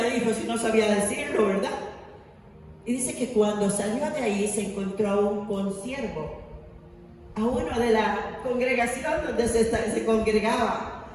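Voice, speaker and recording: A woman's voice: fairly high pitch, darkish tone, far from the mic. Woman preaching in an echoey hall. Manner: storytelling, acting out quoted voices, rhetorical questions. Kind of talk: sermon. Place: church hall. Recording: echoey hall, voice from afar, faint noise.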